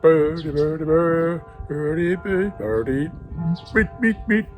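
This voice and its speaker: A man's voice: a little high, unhurried, soft background music, pitched above the performer's own voice, lightly acted. A man with a Swedish accent voicing a babbling comic Swedish chef in singsong mock-Swedish gibberish. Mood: goofy.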